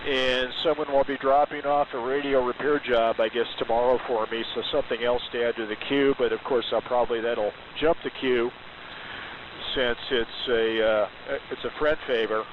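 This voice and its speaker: A man in his sixties talks shop over the air, his voice carried through a muffled AM radio signal. A steady static hiss sits under every word. He rambles through technical details, pausing often with fillers. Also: mid-range voice. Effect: received over AM radio, with static hiss. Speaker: amateur radio operator checking in. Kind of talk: casual on-air chat. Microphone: radio transmitter with carbon mic.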